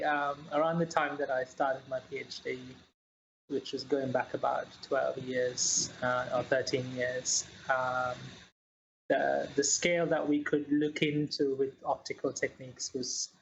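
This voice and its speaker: A woman from Sri Lanka, a scientist guest in an interview, speaking in a measured way with many fillers and restarts. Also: very deep voice, little pitch movement, creaky, muffled recording, slight background noise. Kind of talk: interview answers.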